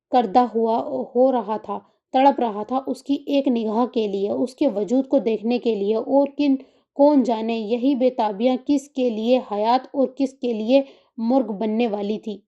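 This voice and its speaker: Woman reading a novel aloud, steady storyteller, a bit high voice, muffled recording. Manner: steady storytelling, reads scene breaks aloud. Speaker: narrator. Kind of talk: audiobook novel narration.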